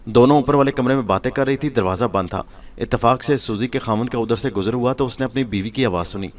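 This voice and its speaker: Male storyteller narrating a horror tale. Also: medium pitch. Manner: steady storytelling.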